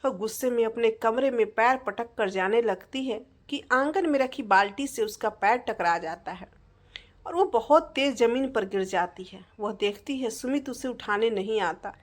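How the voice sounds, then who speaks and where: A woman storyteller narrating a scripted family drama in a steady, expressive way. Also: a little high, normal speed.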